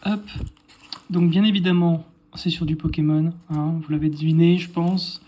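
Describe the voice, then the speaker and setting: A man's voice: a little high, steady tone, normal speed, warm tone, a little hiss or hum. A man casually chatting through an unboxing video, thinking aloud and correcting himself as he goes. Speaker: card collector showing a purchase.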